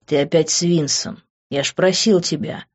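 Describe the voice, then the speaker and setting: A woman narrator voicing a jealous, possessive young man who speaks in a low, hushed, intense tone. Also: fairly even intonation, moderate pace, husky, dull audio. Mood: sullen. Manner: low, hushed and intense, often near a whisper.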